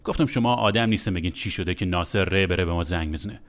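A young man telling a crude, comic anecdote in a blunt, exasperated way. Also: sits low. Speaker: storyteller.

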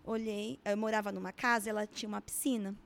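A woman chatting on a podcast as a mother, telling lively stories and acting out the lines. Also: medium pitch, quick pace, gravelly. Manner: animated storyteller, acts out quotes. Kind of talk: casual podcast chat.

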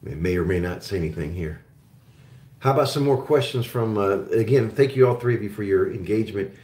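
A fairly low, mellow voice moves along fairly quickly as this Oklahoma-raised German host talks metals and resource stocks with callers on a live show. His chatter is rambling, peppered with fillers and false starts, and the room echoes.

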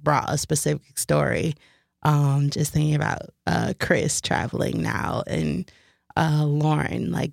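A woman's voice: low voice, creaky, darkish tone, dry recording, studio quality. A woman poet from Detroit answering interview questions in a chatty way, with many "like"s and "um"s. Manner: chatty, frequent "like" and "um".

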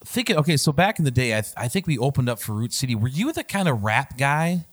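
A male podcast host with a lively, swinging pitch leads a casual interview. He is enthusiastic and quick to praise his guest.

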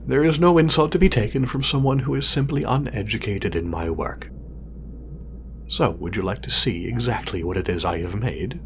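In a sci-fi audio drama, a man plays a pompous craftsman of artificial companion drones, proud and exacting, speaking formally, measuredly and condescendingly with a smug air. His pitch is fairly low and the acting light, with clear sci-fi lab ambience in the background.

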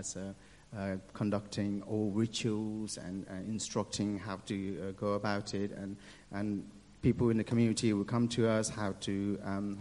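A young man from Nepal, telling his story in a church interview, hesitant with many pauses and easy laughs. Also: fairly low pitch, a little mellow. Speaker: interview guest. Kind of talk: casual testimony in church. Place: church hall. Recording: reverberant church hall.

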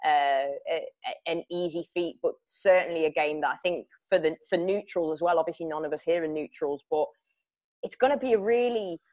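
Woman hosting a footy podcast, chatty, laughs a lot, lowish voice, kinda muffled audio. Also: brisk, darkish tone. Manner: chatty, laughs easily between questions. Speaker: podcast host. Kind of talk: interviewing players on a club podcast.

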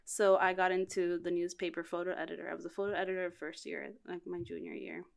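A woman's voice: fairly low pitch, level tone, fast, vocal fry. Chatty young woman, rambling with fillers. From Miami, born in Cuba. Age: 20s. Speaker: podcast guest, art director. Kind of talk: casual chat.

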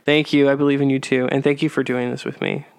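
Smooth-voiced chatty male podcast host. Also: medium pitch, level tone, quick pace. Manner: chatty and rambling, with many fillers. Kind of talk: casual chat.

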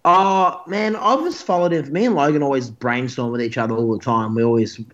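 A man's voice: mid-range voice, fairly quick, fairly bright tone. Rambling young man, lo-fi. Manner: rambling, frequent restarts and "like". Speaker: guest bodybuilder. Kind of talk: casual interview storytelling.

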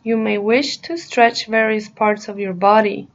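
In a steady, medium-pitched voice, a woman narrates a guided meditation, calm and unhurried, leaving pauses after each short phrase. The high frequencies in the recording are cut off.

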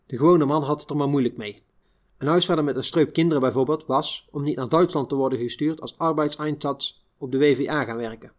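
A man reading a first-person wartime memoir aloud in a measured, unhurried way. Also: a little high. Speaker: reader of a memoir.

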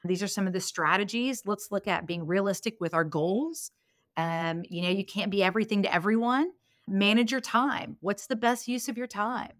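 A business consultant and strategic planner, aged 49 and turning fifty next month, gives candid, motivational answers as a podcast guest in a conversational interview. Her mid-range voice moves at normal speed in clean studio quality with no room sound.

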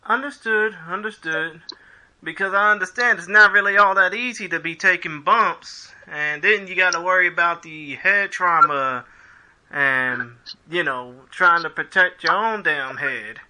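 High, bright-voiced easygoing male host. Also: a little slow, poor audio. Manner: easygoing, laughs often, repeats his words. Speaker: show host and interviewer. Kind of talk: casual podcast interview.

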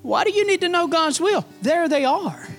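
A man preaching a sermon as pastor, folksy and animated, building emphasis through repetition. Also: very high voice, normal speed, faint music behind.

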